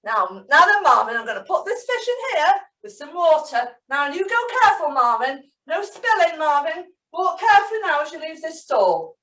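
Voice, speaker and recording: A woman plays a kindly, cheery fishmonger who fusses over a child and praises him. The voice is lively in pitch and sounds roomy and far from the mic. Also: normal speed, hardly any pauses. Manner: fussing and encouraging.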